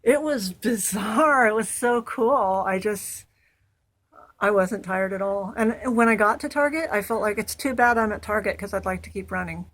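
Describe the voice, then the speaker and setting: A woman's voice: medium pitch, moderate pace, fairly bright tone. A young woman chatting casually in a home vlog, upbeat and rambling. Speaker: vlogger. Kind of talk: casual chat.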